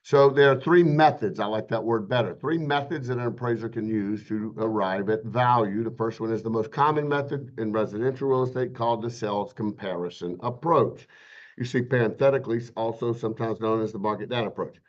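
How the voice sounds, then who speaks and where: A man's voice: fairly low pitch, fairly quick, highs cut off. A man teaching a real estate licensing class in a casual webinar, chatting and joking with his students in a folksy way.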